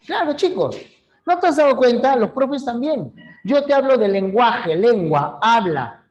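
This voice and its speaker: A man's voice: extremely high pitch, very animated, measured pace, highs cut off. A man teaching a language class online, explaining terms and talking straight to his students. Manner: explanatory, acts out examples, addresses students directly.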